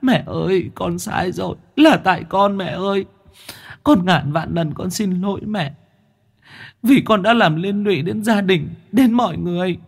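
A woman voicing a remorseful young daughter who begs her mother's forgiveness in a contrite, soft-spoken letter. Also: fairly low pitch, measured pace, creaky, breathy edge, exaggerated voice.

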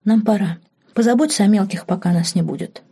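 A woman's voice: medium pitch, brisk, gravelly, mellow, husky. A woman reading an audiobook voices a stern, worried teenage girl who speaks hurriedly.

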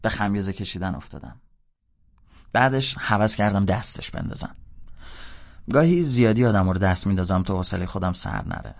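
A man with a gravelly, fairly low voice narrates a novel in the first person. He keeps the telling casual and slangy, like a bored youth talking. The recording is dull and lo-fi. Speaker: audiobook narrator.

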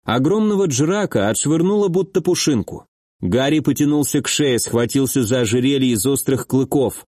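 A male narrator reads fantasy fiction in a steady, measured voice of middling pitch. The recording is dry and close, with no room sound. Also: dry recording. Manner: steady, measured reading with acted dialogue. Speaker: audiobook narrator. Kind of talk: scripted fantasy audiobook narration.

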